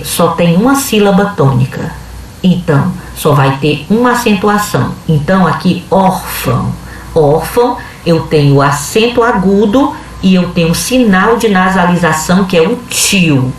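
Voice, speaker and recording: A woman's voice: on the low side, slight background noise. A woman teacher, giving a video lesson and explaining patiently step by step with frequent checks. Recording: echoey room, voice from a distance.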